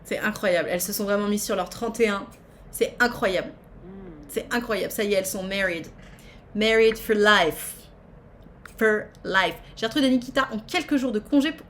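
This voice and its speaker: A woman giving chatty, playful commentary while she streams a life-simulation game. She swings from excited squeals to low muttered asides. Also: slight background noise. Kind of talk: casual live game commentary.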